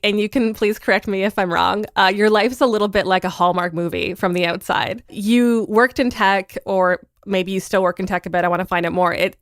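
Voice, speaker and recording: A woman hosting a podcast interview, bubbly and quick to laugh. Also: medium pitch, clear, resonant tone, no echo, clean studio sound. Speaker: podcast host.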